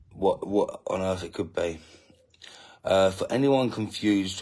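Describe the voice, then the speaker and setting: Low-voiced man chatting on a live stream. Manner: rambling, self-interrupting, indignant asides. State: feeding a baby while talking. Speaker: family channel host reading live comments. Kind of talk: casual live-stream chat.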